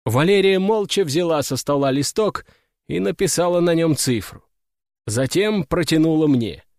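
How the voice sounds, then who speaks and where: A man reading a first-person fantasy audiobook in a wry, even storytelling manner. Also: on the high side, normal speed, dry recording, clean studio sound. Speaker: audiobook narrator.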